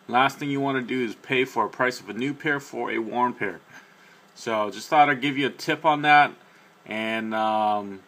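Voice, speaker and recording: Talking to camera at night, a young adult sneaker vlogger rambles in a small room, stumbling through fillers and restarts. His medium-pitched voice comes across pushed and bright at a moderate pace, recorded on a close webcam.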